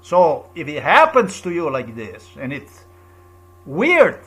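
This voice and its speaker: A man's voice: fairly high pitch, wildly swooping pitch, takes it slowly, husky. A man from Slovenia with a Slovenian accent, speaking to camera in an insistent, repetitive, lecturing monologue. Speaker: video blogger.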